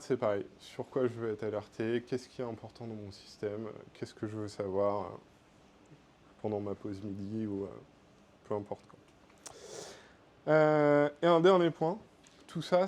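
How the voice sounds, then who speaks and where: A French man speaks at a tech meetup in a casual, filler-heavy way. His voice is mellow and relaxed. Faint noise hums in the room behind him. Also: mid-range voice. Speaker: conference speaker.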